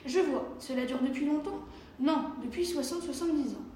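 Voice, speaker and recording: High-voiced woman reading a dialogue, echoey. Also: moderate pace, warm tone, a little hiss or hum. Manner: reads both the patient's and the doctor's lines. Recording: very echoey room with faint ambience.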